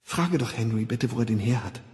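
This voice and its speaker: A man voicing a vain young woman who loves new clothes, speaking softly and quietly in an audiobook reading. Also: medium pitch, expressive, brisk, slightly rough, long reverb tail. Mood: hushed, chatty.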